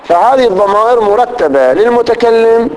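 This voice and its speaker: A man teaching grammar to a class, reciting lists of pronouns slowly and often checking that students follow. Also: extremely high pitch, animated, darkish tone, poor audio. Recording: faint background noise.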